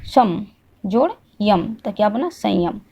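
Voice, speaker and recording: A woman's voice: medium pitch, expressive, gravelly, warm tone, husky, dull audio. Woman teaching a Hindi grammar lesson. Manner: asks questions and answers them herself, repeats slowly.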